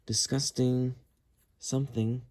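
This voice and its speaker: Slow and level, a man with a mid-range, darkish voice explains each step of a cleaning task while working by hand. It is a casual how-to narration for his cleaning video.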